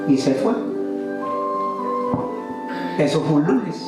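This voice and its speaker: A man delivers a storytelling sermon, his voice pitched high. He acts out the people in his story and asks the congregation rhetorical questions. The recording comes from far off in a large church hall with heavy echo and faint music behind. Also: lively intonation, slow. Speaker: preacher.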